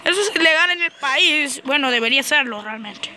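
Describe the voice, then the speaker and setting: A woman gamer giving live, excitable and playful commentary on her own play, yelling when she is in danger. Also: high voice, fairly quick, slight background noise.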